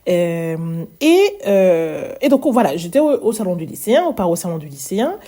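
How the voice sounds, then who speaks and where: A woman's voice: on the low side, sing-song, moderate pace, dark tone. A woman in her thirties from Martinique with a light Martinican French accent, hosting a chatty podcast in a bubbly, self-teasing way. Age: 30s. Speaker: podcast host, early childhood educator. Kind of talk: casual podcast monologue.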